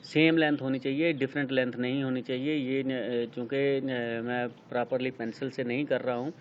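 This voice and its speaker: A man with a Pakistani accent teaching shorthand, explaining step by step with many pauses. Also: medium pitch, level tone. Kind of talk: screen-recorded tutorial explanation. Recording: dull lo-fi sound with faint noise.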